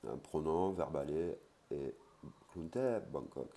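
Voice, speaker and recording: A man teaching a language lesson in a casual way. He says each Thai word slowly and clearly, then explains it with fillers like "hein" and "voilà". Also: very deep voice, lively intonation, warm tone.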